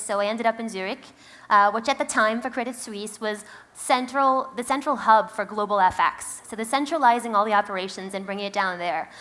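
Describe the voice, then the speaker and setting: A woman's voice: a little high, fairly bright tone. A woman with a Queens, New York accent giving a conference keynote in an emphatic, conversational, wry manner. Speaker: company founder, keynote speaker.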